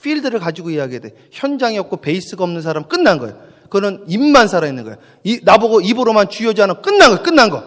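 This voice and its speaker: A man preaching at a dawn church service as pastor, emphatic, repeating his phrases and swinging from quiet talk to shouting. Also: high-pitched, sing-song, rapid-fire, long reverb tail. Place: church sanctuary.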